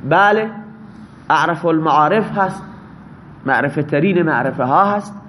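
A man's voice: high-pitched, a little hiss or hum. A man teaching a classroom grammar lesson, parsing example sentences step by step and checking answers with his students.

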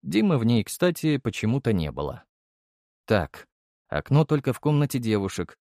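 Male audiobook narrator, animated delivery, dry close mic. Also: medium pitch, normal speed, no room sound. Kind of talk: first-person fantasy audiobook narration.

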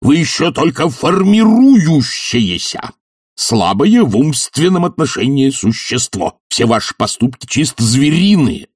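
A man's voice: low voice, animated, unhurried, creaky, warm tone, slightly rough, no room sound, clean studio sound, exaggerated voice. A man voicing an imperious older professor, lofty and ironic, who bursts into thundering rage, in an audiobook. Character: imperious older male professor, quick to fury. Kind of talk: audiobook character voice.

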